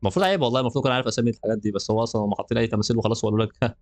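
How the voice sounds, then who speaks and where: A man's voice: medium pitch, steady tone, very fast. A young man with an Egyptian Arabic accent, giving jokey, nervous commentary while playing a horror game. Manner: jokey, nervous, laughs often. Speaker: gaming channel host. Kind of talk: let's play commentary.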